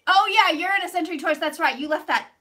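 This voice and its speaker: A woman with a high, bright voice hosts a casual livestream. She sounds a little congested as she rambles and thinks aloud. Her manner is playful and sweary, with effusive greetings to her viewers. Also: quick pace. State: slightly congested after flu. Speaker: livestream host doing psychic readings.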